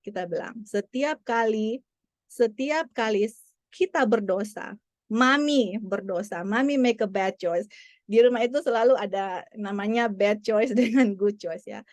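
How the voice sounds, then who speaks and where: Brief: mother sharing a testimony, earnest and repetitive, fairly high voice, dry close sound. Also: a little slow, a little mellow, no echo.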